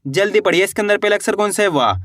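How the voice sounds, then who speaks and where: A man teaching beginners to read and spell, sounding words out slowly syllable by syllable and quizzing his viewers with encouragement. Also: sits high, lively intonation, a bit bright, no echo, clean studio sound. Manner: encouraging, addresses viewers as friends. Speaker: Hindi teacher.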